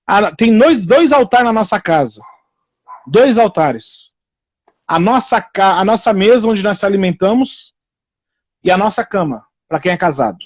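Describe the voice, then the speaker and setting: A man's voice: high voice, a little slow, no echo. A man preaching informally on a live stream, repeating himself and acting out the people he quotes. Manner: repetitive, animated, acts out quoted people in raised voices.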